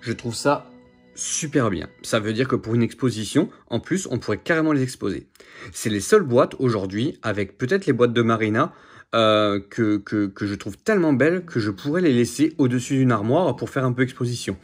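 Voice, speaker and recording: A man's voice: mid-range voice, lively intonation, moderate pace, slightly rough. A man casually showing his figure collection to camera, chatty and rambling, full of fillers and repeats. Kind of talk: casual unboxing chat to camera.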